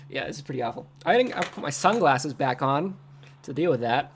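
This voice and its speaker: A man's voice: on the high side, lively intonation, moderate pace, slight background noise. A man chatting casually on a trading livestream, rambling and poking fun at himself as he reacts to his screen. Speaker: crypto trading streamer.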